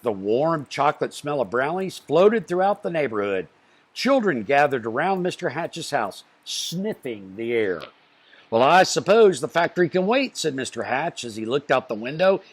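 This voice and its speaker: A man with a mid-range voice reads a picture book aloud to children, expressive and deliberate in his phrasing, stressing the beats of the story.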